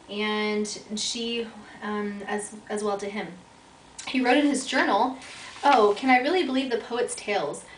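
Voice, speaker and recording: A young American woman delivers a class presentation, reading from her notes and stumbling into ums and restarts. Her voice sits a little high. It comes from some distance off in an echoey room, with a faint hiss underneath. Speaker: education student. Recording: echoey room, voice from far off, faint background noise.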